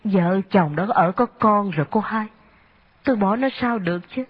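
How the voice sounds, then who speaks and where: A woman reading an audiobook, voicing a humble, grieving man who speaks slowly and haltingly through tears. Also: mid-range voice, breathy edge, natural voice. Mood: sorrowful. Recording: dull lo-fi audio.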